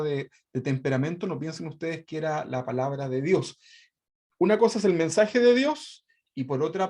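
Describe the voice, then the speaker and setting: A man leads a church Bible lesson in a chatty, conversational manner. His voice sits a little higher than most men's, and he keeps tagging his phrases with little questions. He acts out quoted speech with dramatic emphasis and jokes lightly with his class. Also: darkish tone. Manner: conversational, constantly adds tag questions.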